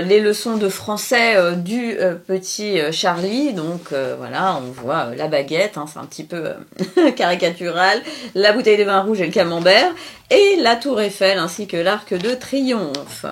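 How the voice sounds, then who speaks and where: A woman presenting a children's book in a casual review, chatty and hesitant, with many fillers. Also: medium pitch.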